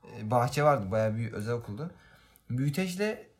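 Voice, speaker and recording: A man's voice: medium pitch, lively intonation, normal speed. Young man telling stories, laughing. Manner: storytelling with frequent laughs and slang. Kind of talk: casual chat among friends.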